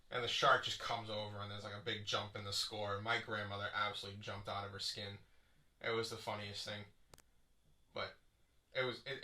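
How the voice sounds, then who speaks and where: A young man co-hosting a podcast, chatting casually with relaxed storytelling and quick quips. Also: lowish voice. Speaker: podcast co-host. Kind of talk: casual chat.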